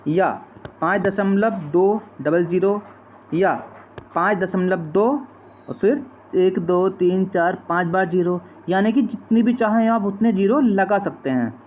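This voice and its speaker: With a high-sitting, darkish voice, this man walks through a slide-based maths lesson, patient and repetitive, repeating steps and addressing viewers as friends. The sound is dull and lo-fi, carrying faint noise.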